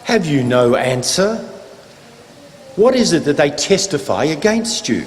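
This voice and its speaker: A man reading stern, ominous biblical villains in a deliberate, commanding dramatic scripture reading. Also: fairly high pitch, very animated. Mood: stern, demanding. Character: stern, ominous betrayer and high priest. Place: church. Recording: echoey church hall, background noise.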